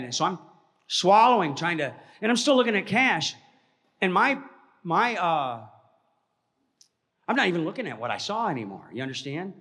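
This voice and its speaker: A man from Georgia telling a personal story to an audience, animated, often dropping to a hush, with many restarts. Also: a little high. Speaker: speaker at a presentation. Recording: long hall reverb.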